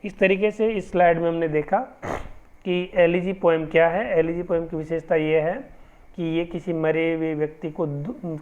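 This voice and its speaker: A man giving an exam-prep literature lesson, explaining step by step and reading English definitions slowly. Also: a little high. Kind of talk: exam-prep lecture in Hindi mixed with English. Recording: tinny phone-like lo-fi audio.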